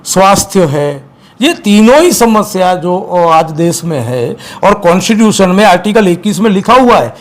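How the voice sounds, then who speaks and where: A man from Gujarat, an activist guest, speaking forcefully and accusingly in a heated interview, repeating his points. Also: high-pitched, sing-song, normal speed.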